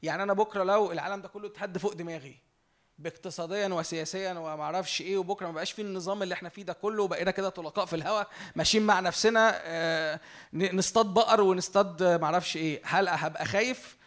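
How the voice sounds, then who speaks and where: Fast high-voiced Egyptian preacher. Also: male voice. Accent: Egyptian Arabic. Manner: earnest, shifts from emphatic preaching to quiet self-reflection. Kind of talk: conversational sermon.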